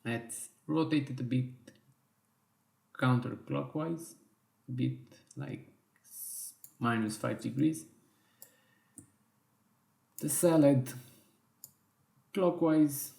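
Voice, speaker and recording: Slow, gravelly man guiding a design tutorial. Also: medium pitch, warm tone, echoey room. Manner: slow, step-by-step instructions with fillers and self-corrections. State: losing his voice. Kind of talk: screen-recorded software tutorial.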